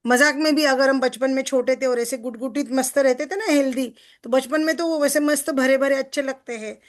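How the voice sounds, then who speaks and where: A woman success coach explaining a text to a group in a chatty way, often asking listeners for agreement and slowing down to read passages aloud. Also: high-pitched, fairly even intonation. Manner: chatty, asks listeners for agreement with tag questions; slows down when reading passages aloud.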